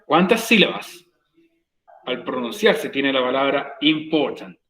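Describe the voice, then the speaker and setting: A man's voice: mid-range voice, animated, measured pace, reverberant, a crowd in the background, rough recording. A male English teacher with a Chilean Spanish accent, patiently explaining comparatives to his class and repeating key words. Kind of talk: recorded virtual class, explaining grammar in Spanish.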